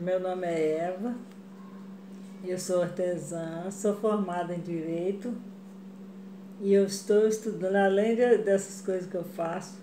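Slow, mellow-voiced woman in an echoey kitchen. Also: mid-range voice, a little hiss or hum. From Brazil. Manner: chatty, addresses viewers as "gente", frequent "né?" and "tá?". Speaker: craft vlogger. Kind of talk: casual craft tutorial chat. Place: home kitchen, indoors, tiled walls.

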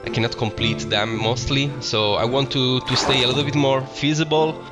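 Here a young man from Italy talks through his Minecraft gameplay at a moderate pace, his medium-pitched voice steady and his Italian accent clear. He's casual and excited about the game, frequently starting sentences over to correct himself. The recording is slightly dull lo-fi with background music.

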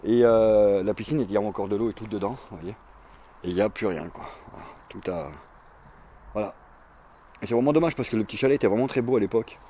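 An urban explorer vlogger in his forties walks through an abandoned, burned campsite outdoors, chatting casually to a handheld or chest-mounted action camera. His lowish, mellow voice moves fast, rambling with many fillers and repeats.

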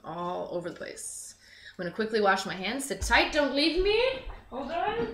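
In a fairly high, sing-song voice at normal speed, a young adult cooking show host chats informally to camera from her indoor home kitchen, thinking aloud while she cooks. A camera mic a few feet off captures echoey, noisy, roomy sound.

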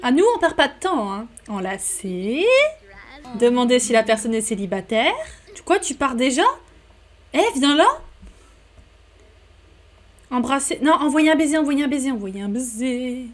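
A woman chatting casually while playing a life-simulation game, talking to her characters and getting excited at home at her microphone. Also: high voice, moderate pace, long pauses. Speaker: gaming YouTuber. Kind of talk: casual let's-play commentary. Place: home room. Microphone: desk microphone.

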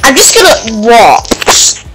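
A woman comments casually on the game she is playing, chatty and quick to exclaim. Her voice sits high and swings widely in pitch, and she talks at an unhurried pace. Game music plays clearly behind her. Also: big pitch swings, poor audio. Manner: chatty, exclaims and hums along while playing. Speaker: gaming vlogger.

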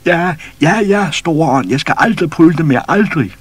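A man voicing a frightened grown man who begs for mercy in a high, husky voice. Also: expressive, no echo. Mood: pleading terrified.

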